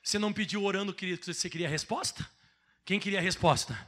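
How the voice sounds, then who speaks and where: A Brazilian man preaching a sermon with a Brazilian Portuguese accent, swinging between shouted emphasis and quiet passages. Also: high voice, fairly quick. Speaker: pastor.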